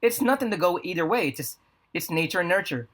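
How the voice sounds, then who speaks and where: A man's voice: high-pitched, lively intonation, fast talker, a bit bright. A young American man telling a story in a casual vlog, rambling and slangy with plenty of swearing. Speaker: video creator. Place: apartment room with a fan running. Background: fan hum.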